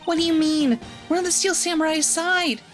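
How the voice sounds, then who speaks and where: A woman voicing an excitable, easily offended young female sidekick in an amateur video game read-through. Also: very high-pitched, moderate pace, soft background music, pitched above the performer's own voice. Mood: perky. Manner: eager, exclamatory.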